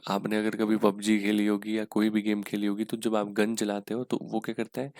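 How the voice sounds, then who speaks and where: A man with an Indian accent teaches an exam-prep English lesson in Hindi, mixing in English terms and frequently checking in with "theek hai" (ठीक है) as he explains each answer. His voice is fairly low, creaky, and a little mellow, recorded dry.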